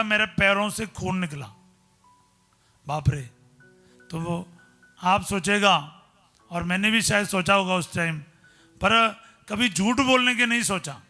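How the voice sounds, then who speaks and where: Man, priest, middle-aged, storytelling sermon, very sharp bright tone. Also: high voice. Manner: storytelling preacher, simple conversational Hindi, exclaims hallelujah. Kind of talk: sermon with personal stories.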